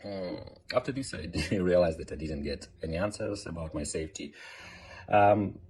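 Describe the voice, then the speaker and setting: Deep-voiced Ukrainian man in his thirties. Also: moderate pace, a little mellow, slight background noise, poor audio. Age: 30s. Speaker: interviewee sharing a personal war story. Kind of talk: informal personal account.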